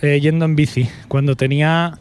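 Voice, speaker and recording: A man's voice: on the high side, moderate pace, slight background noise. A young man, telling stories in a casual chat and acting out the voices of the people in them. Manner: animated storyteller, acts out quoted voices. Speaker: podcast co-host. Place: walking outdoors up stairs.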